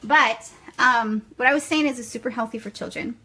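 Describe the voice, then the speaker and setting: This smoothie demo comes from a chatty French-accented vlogger in her thirties who says "okay?" and "guys" after nearly every line while addressing her viewers in a casual kitchen setting. Her voice is on the high side, brisk, pushed, and bright, and the home recording is noisy.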